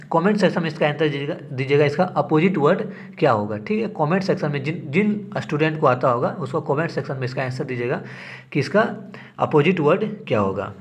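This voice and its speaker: Man teaching, tag at each phrase's end. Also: on the high side. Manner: repeats each word, ends phrases with a tag; calls viewers affectionately. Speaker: exam prep teacher. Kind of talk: Hindi vocabulary lesson.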